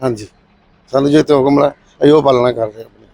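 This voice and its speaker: A man's voice: mid-range voice, steady tone, racing, a little mellow, no echo. A man, a police officer on duty at a checkpoint, answering a reporter's questions respectfully and calling him sir. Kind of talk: on-the-spot interview answers.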